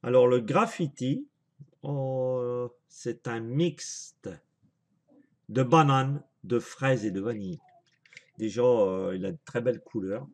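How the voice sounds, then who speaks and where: A man's voice: medium pitch, slow pace. A man in a casual home video review, chatty and apologetic, thinking aloud with lots of fillers as he shows products. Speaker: vaping vlogger.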